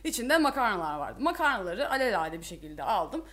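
A woman's voice: mid-range voice, very animated, a little fast, a bit bright. A young woman co-hosting a podcast, telling stories with frequent laughter and defending herself in casual chat. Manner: laughing, self-defending storyteller. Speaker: podcast co-host.

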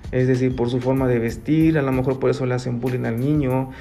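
A man, explaining earnestly to parents as a guest expert, pausing and restarting often. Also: medium pitch, steady tone, dark tone, faint music behind. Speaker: guest expert on child bullying. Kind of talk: radio-style talk, advising parents.

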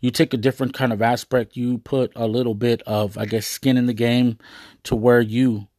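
A man's voice: medium pitch, level tone, moderate pace, darkish tone, no echo, clean studio sound. A man giving a rambling, earnest monologue to his viewers, full of hesitations and fillers. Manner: earnest, proud.

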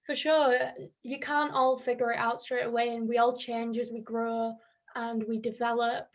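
A woman with a Yorkshire accent, a musician guesting on a casual podcast, answering gently and thoughtfully in long flowing sentences. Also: a little high, level tone, moderate pace. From Northern England.

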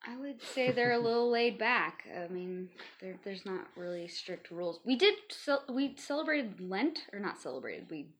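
A woman's voice: medium pitch, animated, moderate pace, few pauses. A woman in her thirties from Iowa, a guest in a casual interview, chatty and playful, laughing often.

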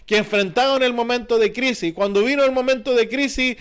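Chilean male pastor, very high voice, earnest sermon delivery, keeps asking the congregation questions. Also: fairly even intonation, brisk, smooth. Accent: Chilean Spanish. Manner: earnest, repetitive preaching with rhetorical questions.

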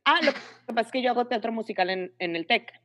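Animated northern Mexican woman telling stories. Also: a little high, fast talker. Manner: animated, acts out quoted voices, heavy slang. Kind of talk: casual storytelling chat.

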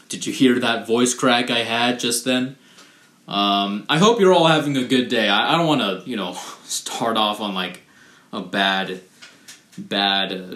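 Young male podcast host, unhurried and rambly, full of fillers, recorded in a reverberant room. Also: on the low side, a bit bright. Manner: rambling, many fillers and restarts. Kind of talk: casual solo podcast monologue. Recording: echoey room.

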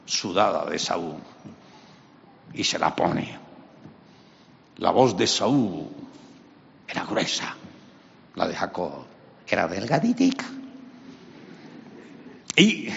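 A man's voice: deep voice, gravelly, lo-fi sound, a little hiss or hum. A man preaching, retelling a story dramatically and voicing its characters. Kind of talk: sermon storytelling.

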